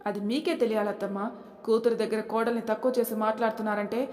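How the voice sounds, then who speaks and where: A woman's voice: a little high, little pitch movement, fast, a little mellow, lightly acted. A woman voicing an outspoken young daughter-in-law. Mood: defiant. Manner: firm, pointed. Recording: echoey reverberant room.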